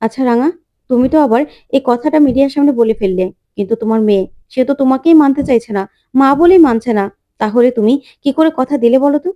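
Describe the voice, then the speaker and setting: A woman voicing a calm adult man who gives advice, in a plain reading voice. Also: sits high, fast talker, highs cut off, lightly acted. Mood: advising.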